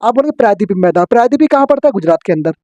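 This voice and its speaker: A man teaching an exam-prep geography lesson, drilling his students with quick questions and answers. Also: very high voice, very animated, a little mellow, no echo, highs cut off.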